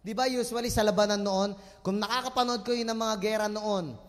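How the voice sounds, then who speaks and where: High-voiced male preacher in a reverberant church hall. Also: fairly even intonation, brisk. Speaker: pastor. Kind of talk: sermon.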